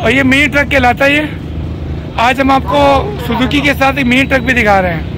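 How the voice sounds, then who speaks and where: A man's voice: very high-pitched, brisk. A man with a Pakistani Urdu accent, vlogging from an outdoor vehicle market and praising each truck, repeating prices and numbers back. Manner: upbeat, keeps praising and repeating figures back. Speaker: vlogger showing vehicles for sale. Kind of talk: walk-around market vlog. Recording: loud crowd and street noise.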